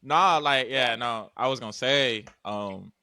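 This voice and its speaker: A man hosting a podcast in casual chat, relaxed and slangy with plenty of fillers. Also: medium pitch, a little slow, no room sound. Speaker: podcast host.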